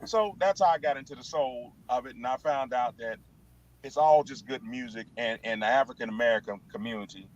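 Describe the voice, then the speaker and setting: A man, an animated guest telling stories in casual chat, stammering and restarting, from a parked car. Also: mid-range voice, brisk. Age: 50s. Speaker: musician guest. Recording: dull lo-fi sound.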